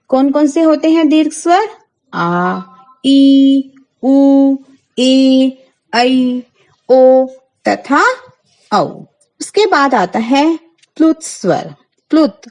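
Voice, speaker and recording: Slow, questioning woman teacher. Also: a little high, a little mellow, low-quality recording. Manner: asks the class questions, then answers them herself; spells out sounds one by one. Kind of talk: Hindi grammar lesson for schoolchildren.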